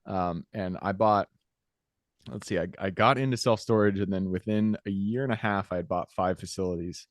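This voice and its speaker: A man hosting a podcast interview over a video call, upbeat and agreeable, with quick interjections. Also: sits low, fairly even intonation, no room sound, studio quality. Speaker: podcast host. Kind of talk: casual interview.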